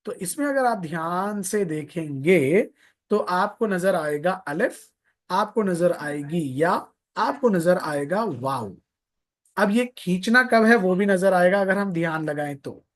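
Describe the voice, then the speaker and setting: With a high, somewhat bright and expressive voice, a man speaks slowly while teaching Quran recitation in a live online session. He patiently goes back over points, draws out vowels to illustrate them, and sprinkles in pious blessings.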